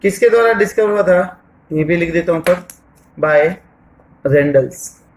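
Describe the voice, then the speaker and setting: In a board lesson delivered in Hindi mixed with English terms, a man writes on the board as he talks, posing questions and answering them himself while repeatedly saying "theek hai." He speaks slowly with pauses, his voice a little high, and the recording quality is low.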